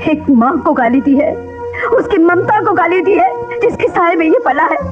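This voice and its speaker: A woman's voice: very high voice, animated, normal speed. An actress playing a fiercely protective mother in a 1990s film melodrama, speaking with impassioned defiance. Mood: defiant. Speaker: film actor. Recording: dull film soundtrack with music.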